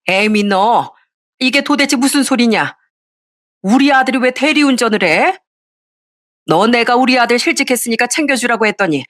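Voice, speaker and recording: A woman's voice: fairly high pitch, a bit bright, voice pushed up. A woman voicing a domineering older mother-in-law who scolds her daughter-in-law harshly, in an audio story reading.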